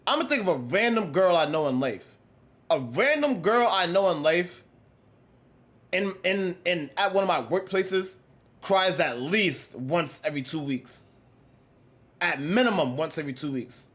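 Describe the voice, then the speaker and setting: A young man with a high-pitched voice riffs with his live chat in loose, slangy talk. He jumps between loud, excited bursts and low mumbles, and keeps circling back to his point. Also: moderate pace. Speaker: livestreamer.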